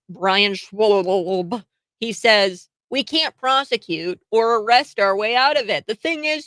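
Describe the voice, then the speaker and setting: A woman's voice: medium pitch, bright, forceful tone, no echo. A woman hosting a live radio talk show, giving opinionated commentary with exclamations and rhetorical questions. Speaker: radio morning show host.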